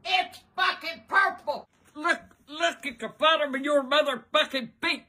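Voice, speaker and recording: A grandmother in her 60s or older reacts casually to pranks in a home bedroom, irate, blunt and profane, often shouting. Her voice is high and her pace measured, captured by a handheld phone camera held a short distance away.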